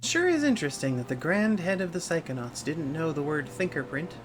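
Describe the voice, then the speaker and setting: A woman's voice: low voice, big pitch swings, a little fast, music in the background. A woman giving wry, casual commentary as she streams a game.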